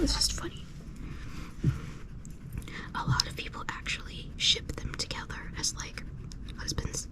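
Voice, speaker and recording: Casting: female ASMR creator, hushed whisper throughout, casual slangy chat, soft and unscripted.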